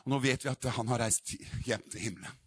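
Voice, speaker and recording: A man's voice: medium pitch, slightly rough, no echo, studio quality. A man preaching a sermon in a fervent, emphatic way.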